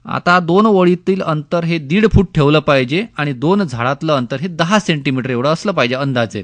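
A man's voice: a little high, animated, moderate pace. A man giving instructive advice on a radio phone-in, repeating key points. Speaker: agricultural expert guest on a radio phone-in. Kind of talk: spoken explanatory advice on radio.

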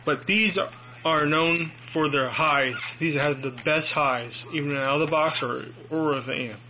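Young guy doing a casual phone video review, kinda high voice, rambly, tinny noisy sound. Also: fairly even intonation. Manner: rambling, halting, informal. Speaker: amateur headphone reviewer. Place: small domestic room, indoors. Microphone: handheld phone mic. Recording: tinny phone recording with clear noise.

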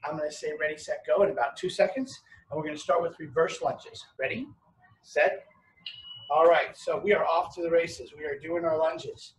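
A man's voice: fairly high pitch, moderate pace. A man in his fifties explaining workout moves step by step as a fitness coach. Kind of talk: instructional workout demonstration. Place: hard-walled home gym or patio workout space. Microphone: camera a few metres away. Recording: roomy, distant mic with background noise.

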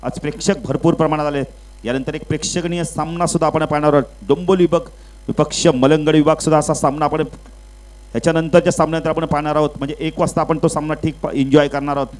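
Excitable male cricket commentator, fairly high voice. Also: fast talker, low-quality recording. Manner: surges louder and higher on runs and wickets, calmer between balls; mixes English cricket terms into his talk. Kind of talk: live play-by-play commentary. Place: outdoor local cricket ground.

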